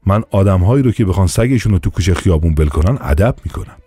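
A man's voice: low voice, lively intonation, warm tone, husky, dry recording, soft background music. A man voicing a pompous, bullying police inspector in an audiobook, blustering and commanding. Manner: blustering, commanding, quick to turn. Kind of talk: audiobook character voice.

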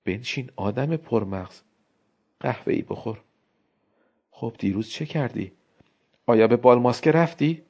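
A man reading an audiobook, voicing a fickle, self-absorbed young wife in a softer, quieter, fretful voice. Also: medium pitch, long pauses, husky. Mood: coaxing. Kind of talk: audiobook character voice. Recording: dull lo-fi recording.

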